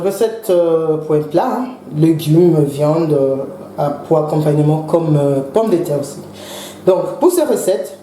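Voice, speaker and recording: Mellow-voiced woman in an echoey kitchen. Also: fairly low pitch. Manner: chatty, explains each step with gentle asides; pauses to search for words. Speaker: home cook hosting a cooking channel. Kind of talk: casual cooking tutorial. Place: home kitchen. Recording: echoey kitchen with faint background noise.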